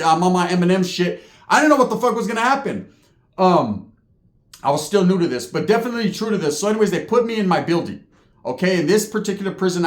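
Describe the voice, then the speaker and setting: Guy from california telling prison stories, lots of slang and cussing, kinda high voice. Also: roomy sound. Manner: streetwise, profane, with prison slang and asides. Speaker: former prisoner telling his story. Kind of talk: casual storytelling.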